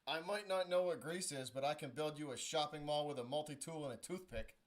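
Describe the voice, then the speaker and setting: A man's voice: fairly high pitch, brisk. A man making laid-back, joking remarks in a casual chat. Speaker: boyfriend on a charity stream.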